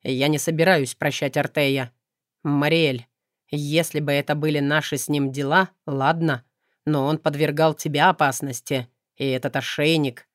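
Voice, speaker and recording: A stern, brooding young nobleman, voiced by a woman reading an audiobook, speaks low and clipped. His lines sound held back and dark. The recording is dry and close. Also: fairly even intonation, moderate pace, no room sound, lightly acted. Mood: restrained.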